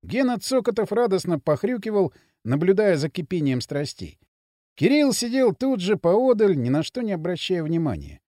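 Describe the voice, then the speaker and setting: Expressive male audiobook narrator. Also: sits high, normal speed, no echo, studio quality. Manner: expressive reading.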